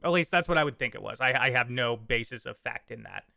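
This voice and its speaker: Bright, crisp-voiced man chatting casually. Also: mid-range voice, lively intonation, fast, no echo, studio quality. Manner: enthusiastic, sarcastic, rambling with restarts. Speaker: podcast co-host. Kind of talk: casual chat.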